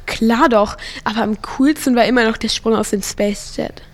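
A woman's voice: a little high, steady tone, normal speed, natural voice. A woman voicing a teenage boy from Earth in an audio drama, with casual, slangy teen talk. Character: teenage boy from Earth, cocky but grieving. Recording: music playing underneath.

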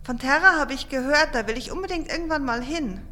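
A bubbly, high-voiced alien teen girl. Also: animated, quick pace, bright, forceful tone. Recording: music playing underneath.

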